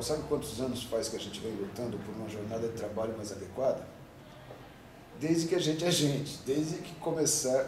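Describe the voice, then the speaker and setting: A warm, mid-range male voice belongs to a Brazilian union president in his fifties with a Brazilian Portuguese accent. He answers interview questions at great length, emphatic and rambling, peppering his replies with rhetorical questions. It was recorded in an echoey room on a distant mic, with faint background noise.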